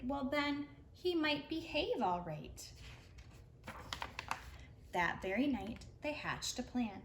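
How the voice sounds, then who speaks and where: A high, somewhat bright female voice reads a rhyming picture book expressively for an audience of preschoolers. The speaker is a read-aloud storyteller, and the audio sounds roomy with faint noise behind it.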